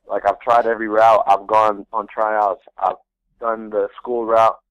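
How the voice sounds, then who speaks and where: Young man, low voice, earnest, rambling, restarts sentences, dry close radio studio sound. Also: flat delivery, a little slow, clean tone, no echo, muffled recording. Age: young adult. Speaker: guest, pro soccer rookie. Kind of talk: casual interview storytelling.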